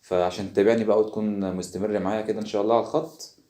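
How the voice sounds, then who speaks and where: A man with an Egyptian Arabic accent runs an online pronunciation lesson, drilling each word again and again for the listener to repeat. His voice sits low and sounds dark and mellow. The recording carries a noticeable room echo. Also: little pitch movement, rapid-fire. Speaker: language teacher.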